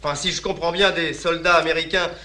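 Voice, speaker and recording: An anxious, officious lieutenant; bright, slightly raised voice. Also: male voice, fairly high pitch, steady tone, fast talker. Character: nervous male colonial lieutenant, easily flustered. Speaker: army lieutenant. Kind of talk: film drama acting.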